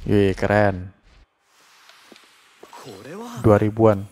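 A man's voice: lowish voice, flat delivery, very slow, a little mellow, slight background noise. A man giving live commentary while playing a game, reacting with frequent panicked exclamations. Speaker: gameplay commentator. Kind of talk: live let's-play commentary.

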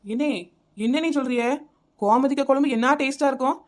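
A woman's voice: high-pitched, fairly quick, lightly acted. A woman voicing a chatty, meddling young village woman in a cartoon comedy, with a Kanyakumari Tamil accent.

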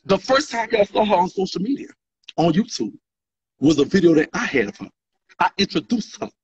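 This is a man's heated selfie-video rant, shot indoors on a phone held out at arm's length. He sounds high, sing-song and slightly rough, speaking a little fast as he curses at his followers, repeats himself and gestures wildly. The recording has a dull, lo-fi phone quality.

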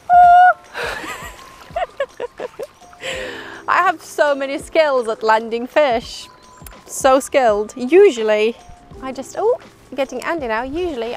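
In a high, slow voice, a woman talks casually while fly fishing at the riverside, teasing herself and getting worked up each time a fish is on. Audio comes from a camera mic, occasionally distant, over background music.

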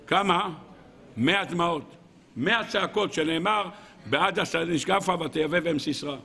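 High-pitched, animated preaching rabbi. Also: male voice, vocal fry. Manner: animated preaching, swinging from loud exclamations to soft asides; asks the audience questions. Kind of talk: sermon.

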